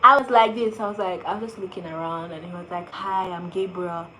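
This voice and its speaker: A young woman, an actress, answers fan questions in a casual vlog, telling her stories in a chatty, animated way full of "like" fillers. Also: on the low side, fast, a little hiss or hum, low-quality recording.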